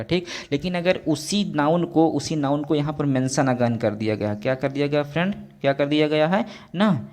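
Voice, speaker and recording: A male grammar teacher, giving a classroom lecture, who keeps turning his points into questions for the viewers and slows right down to spell out example sentences. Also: medium pitch, noisy background. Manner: slow and drawn out on example sentences.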